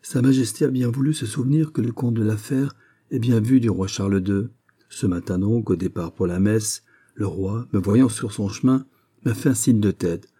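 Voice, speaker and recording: A placid, dutiful young nobleman in a storybook reading, courteous and measured, as the male reader plays him. His voice is dark and husky. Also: fairly low pitch, dry recording, clean studio sound. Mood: calm. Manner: calm, measured, polite.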